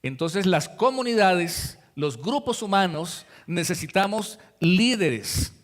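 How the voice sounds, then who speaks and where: A man's voice: sits high, lively intonation, takes it slowly. A man preaching a sermon as pastor, talking to the congregation in a conversational way and acting out the voices he quotes. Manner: conversational preaching, addresses listeners directly, acts out quoted voices.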